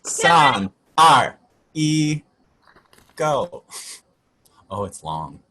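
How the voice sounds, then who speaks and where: A man's voice: on the high side, big pitch swings, very slow, pushed and bright. Male host, casual chat, playful, laughs a lot.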